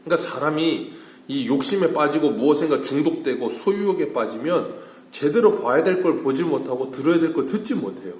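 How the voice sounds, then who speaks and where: A man's voice: a little high, expressive, a little fast, a little mellow, roomy sound. A man preaching at an early-morning church service. He asks the congregation questions and then answers them himself. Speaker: pastor. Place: church sanctuary.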